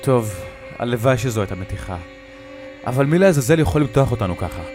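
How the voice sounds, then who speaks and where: A man voicing a tough, hot-tempered middle-aged father who barks short, loud orders, read as part of a spoken horror story. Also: mid-range voice, expressive, music in the background, natural voice. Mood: angry.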